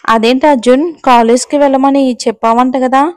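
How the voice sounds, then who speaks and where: Woman doing a gentle worried middle-aged mother, mild questioning tone, audio storybook, fairly high voice, dry sound. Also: steady tone, a little fast, clear, resonant tone, no echo, close to an everyday voice.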